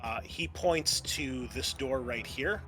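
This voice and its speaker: Over music, a man with a medium-pitched voice narrates as game master of a tabletop roleplaying game, speaking in a conversational, halting way.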